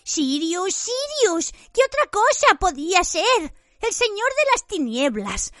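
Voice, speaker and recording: A woman's voice: very high-pitched, big pitch swings, slow pace, a bit bright, dry recording, studio quality, pitched above the performer's own voice, exaggerated voice. A woman voicing a terrified, cowering middle-aged man who begs in a whimpering, breathless voice. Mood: pleading.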